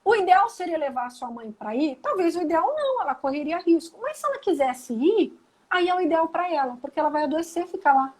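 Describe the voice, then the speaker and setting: A psychologist from Brazil, appearing as a guest on a live video call, talks briskly in a very high voice with a Brazilian Portuguese accent. Casual and animated, she acts out quoted lines while explaining, though the audio quality is poor.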